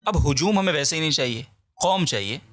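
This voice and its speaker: A man interviewing in a casual discussion, agreeable and quick to chime in with short affirmations. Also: fairly high pitch, expressive, fairly bright tone, no room sound, studio quality.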